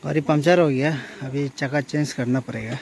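A man's voice: medium pitch, steady tone, normal speed, creaky, a little mellow, slight background noise. A man, chatting casually to camera as a vlogger, repeating himself and often exclaiming. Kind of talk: casual vlog narration to camera. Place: outdoors by a jungle river in the rain.

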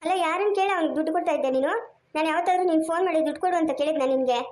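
A defiant foster mother scolds sharply and refuses to give up the child, played by a woman in a homemade family skit. Her voice is very high and her words come quickly. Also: a little mellow, roomy sound. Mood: accusing. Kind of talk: amateur family skit acting.

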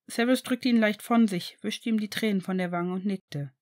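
A woman's voice: mid-range voice, normal speed, darkish tone. Woman reading fan fiction aloud. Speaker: reader.

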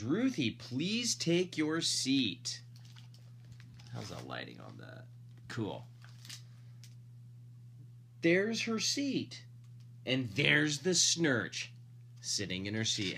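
A dad reads a picture book slowly, his medium-pitched, creaky voice swooping wildly in pitch, bright and forceful, with long pauses. He draws out the words he emphasizes and adds playful, casual asides, over slight background noise.

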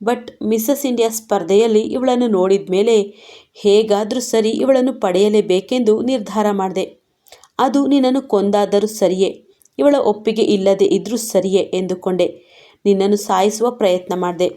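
A woman voicing a jealous, scheming young man who bitterly confesses his obsession, in a mellow tone. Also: mid-range voice, moderate pace, natural voice. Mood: ruthless.

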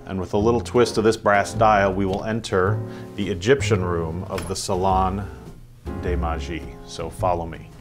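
A man with a fairly low voice leads a guided tour through indoor rooms of a collection. He speaks in a measured, descriptive way, pausing now and then to find his words, while soft guitar music plays faintly underneath. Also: flat delivery. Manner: measured, descriptive, occasional hesitations. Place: indoor private museum rooms.

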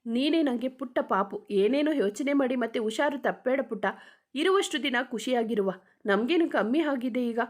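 A loving young husband from a storybook romance comforts his wife tenderly, voiced by a woman reader. His words are soothing, and the voice stays fairly high. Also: expressive, moderate pace.

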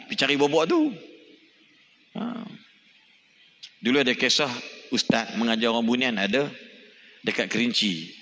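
Malaysian male preacher, middle-aged, bright edgy tone, lively storytelling, reverberant mosque hall. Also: mid-range voice, normal speed, pauses often. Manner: lively storytelling, animated exclamations, asks the audience questions. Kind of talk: mosque lecture sermon. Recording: long reverb of a large hall.

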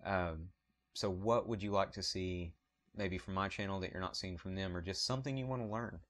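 A man's voice: deep voice, moderate pace, a bit bright. A man with a Southern US accent hosting his photography channel, talking casually to camera in an apologetic, rambling way, recorded on a point-and-shoot camera mic.

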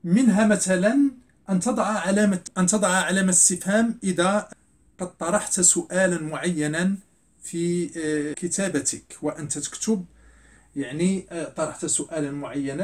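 A middle-aged man teaching a classroom grammar lesson, repeating words slowly and asking and answering his own questions. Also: high-pitched. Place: classroom with a blackboard.

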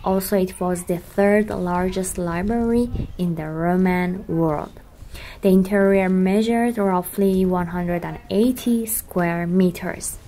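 A woman from Iran gives an unhurried walking tour of ancient ruins. She talks in a chatty, curious way, measured and slow. She is recorded outdoors on a camera held at arm's length, with faint background noise. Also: lowish voice, warm tone. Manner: chatty, curious, nonnative phrasing. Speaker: travel vlogger. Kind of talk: walking travel vlog tour.

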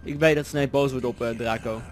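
A man's voice: medium pitch, steady tone, fairly quick. A man from the Netherlands with a Dutch accent, doing jokey let's-play commentary, chatty and swearing often. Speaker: gaming commentator.

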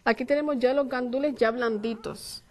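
A woman's voice: a little high, steady tone, normal speed, darkish tone, slight background noise. An older Puerto Rican woman with a Puerto Rican accent, guest cook on a TV show, talking homely with lots of diminutives. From Puerto Rico. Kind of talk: cooking demonstration. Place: studio kitchen set. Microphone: lapel mic.

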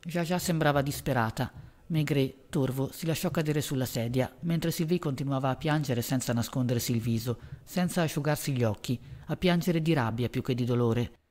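A man's voice: mid-range voice, moderate pace, darkish tone. Man narrating a literary audiobook.

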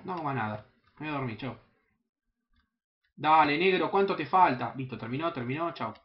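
A young man with a Rioplatense Spanish accent giving casual, excitable, profanity-laden commentary while playing a video game, sometimes breaking into high yelps. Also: normal speed, highs cut off. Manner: excitable, swears often, jumps into high yelps. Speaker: gaming channel host. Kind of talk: casual let's play commentary.

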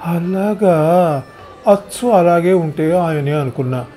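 A man's voice: on the high side, expressive, takes it slowly, mellow, soft background music, pitched above the performer's own voice. A man voicing a talkative, meddling elderly mother in a wheelchair, fussing over everyone in a storybook reading. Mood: chatty.

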